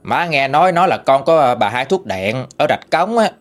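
A stern old village matriarch, as a man puts her on, speaks in a bossy, blunt way with a Southern Vietnamese accent. Her voice stays near his own middle pitch but moves up and down with animation. Faint music plays behind the storytelling. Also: big pitch swings, normal speed, natural voice. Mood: commanding. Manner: bossy, blunt countryside speech. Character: stern, sharp-tongued old woman, family matriarch.

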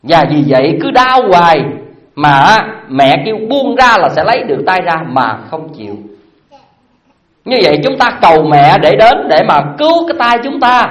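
A Buddhist dharma teacher, giving a sermon with lively storytelling and many questions put to the listeners. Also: mid-range voice, moderate pace, echoey room. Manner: lively storytelling with frequent rhetorical questions to the audience.

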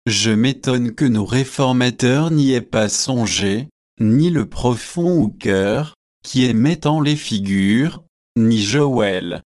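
A man's voice: medium pitch, a little mellow, dry recording, studio quality, lightly acted. A man reading a genial host. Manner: slow, measured delivery.

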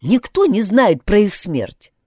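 A woman's voice: mid-range voice, very animated, slow pace, warm tone, slightly rough, dry recording, clean studio sound, heavily acted. A woman voicing a stern, pushy young village man who presses and threatens.

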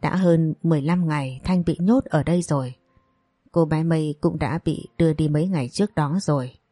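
A woman narrating a dramatic story in a steady storytelling manner. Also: sits low, no echo.

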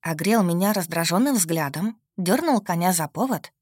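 A woman narrating a fantasy audiobook in the first person with steady, expressive storytelling. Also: lowish voice, moderate pace, husky, dry recording, studio quality.

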